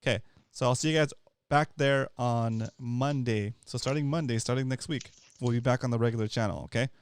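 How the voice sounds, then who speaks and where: A man's voice: mid-range voice, fairly quick, smooth. A man hosting a live fishing talk show, laid-back with short reactions and channel announcements. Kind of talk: casual live-stream chat.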